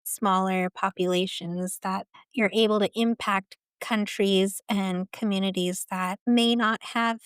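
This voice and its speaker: A woman's voice: medium pitch, steady tone, measured pace, few pauses, clean tone, dry recording. A woman hosting a podcast interview, affirming her guest with frequent agreement. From South Asia. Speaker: podcast host. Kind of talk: conversational interview.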